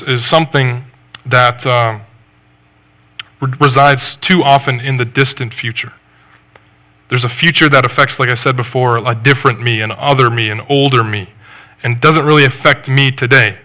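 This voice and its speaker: A man preaching a sermon, earnest and measured, reading scripture and posing reflective questions. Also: medium pitch, sharp tone. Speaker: pastor.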